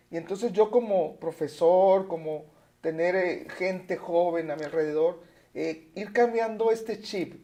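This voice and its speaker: Mellow-voiced Mexican male teacher. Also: high-pitched. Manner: explanatory, lecturing tone with tag questions. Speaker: guest, teacher. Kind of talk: casual interview chat.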